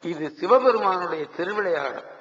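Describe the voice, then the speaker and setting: A man's voice: sits high, animated, normal speed, a bit bright, dull audio. Older man lecturing in an echoey hall. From Tamil Nadu. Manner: rhetorical, asks and answers his own questions. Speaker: devotional scholar and lecturer. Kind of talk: devotional lecture with sung verses. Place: large concert hall.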